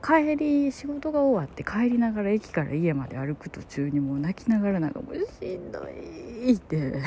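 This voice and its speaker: A woman with a Kansai accent, chatting through a personal story in an animated way, laughing often and dropping to soft murmurs. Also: mid-range voice, brisk, few pauses, slight background noise. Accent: Kansai Japanese. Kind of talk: casual personal storytelling monologue.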